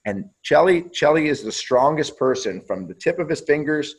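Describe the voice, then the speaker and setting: A man's voice: fairly high pitch, expressive, normal speed, husky, low-quality recording. A man who played pro hockey, telling stories in a casual interview and swearing freely, often repeating and restarting his words.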